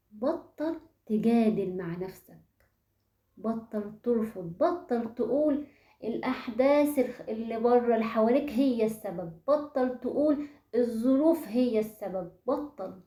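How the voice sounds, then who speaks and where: Woman, Egyptian accent, motivational talk, rhetorical questions, mellow voice, roomy echo. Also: a little high. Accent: Egyptian Arabic. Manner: asks the listeners rhetorical questions; addresses the audience directly. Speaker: self-awareness speaker.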